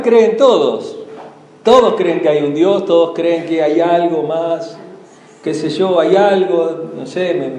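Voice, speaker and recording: A fairly high-voiced man preaches and reads scripture, earnest and reflective, pausing and restarting phrases as he goes. His voice rings around an echoey church room. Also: darkish tone. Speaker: pastor. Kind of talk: sermon with scripture reading.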